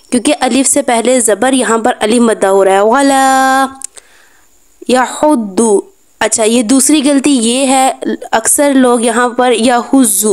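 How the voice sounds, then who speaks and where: Woman teaching tajweed, slightly high voice, patient, repeats every word slowly. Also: darkish tone, no echo. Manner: patient, explains each sound slowly and repeats words. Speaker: Quran recitation teacher. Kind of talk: step-by-step tajweed lesson.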